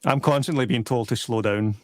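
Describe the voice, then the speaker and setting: A man's voice: mid-range voice, brisk. A man with a broad Scottish accent in a casual film chat, often repeating words and phrases as he goes. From Scotland. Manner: stammering repetition of words and phrases. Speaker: film discussion panellist and YouTuber.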